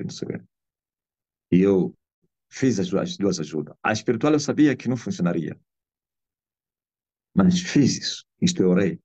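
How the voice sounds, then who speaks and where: A man's voice: low voice, dark tone. A man with an Angolan Portuguese accent preaching a sermon over a live video call, stressing his points by repeating them. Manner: emphatic, repeats phrases for weight. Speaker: apostle and preacher. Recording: slightly muffled online call audio.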